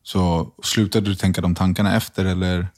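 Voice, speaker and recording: A male interviewer who asks short, calm questions and often murmurs to show he is listening. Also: low voice. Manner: calm, brief questions and frequent murmured backchannels. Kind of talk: conversational interview.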